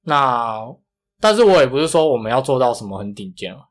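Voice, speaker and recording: A man with a marked Taiwanese Mandarin accent and flat, non-retroflex consonants, chatting casually as a podcast co-host. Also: mid-range voice, brisk. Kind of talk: casual chat.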